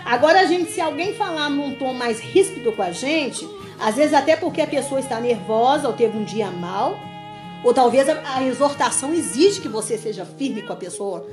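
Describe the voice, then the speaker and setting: Woman leading a Bible study, high voice, earnest and emphatic, with music underneath. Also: expressive, moderate pace. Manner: earnest, emphatic, addresses listeners as "gente". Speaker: women's Bible study leader. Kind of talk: preaching to a small group.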